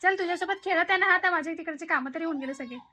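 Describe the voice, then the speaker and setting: A woman with a very high, bright voice talks casually at home for a family vlog. She coaxes and teases her small child in a playful sing-song, with lots of repetition. It sounds like an ordinary home kitchen. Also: very fast, slight background noise. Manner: coaxing, playful sing-song talk to a toddler. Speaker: mother.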